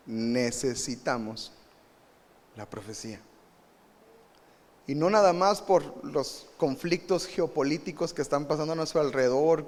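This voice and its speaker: High-voiced animated male preacher in a reverberant church. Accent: Mexican Spanish. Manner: animated preaching, rising to emphatic bursts, asks the congregation questions. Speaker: pastor. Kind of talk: live sermon. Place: church sanctuary. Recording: live church recording with long reverb.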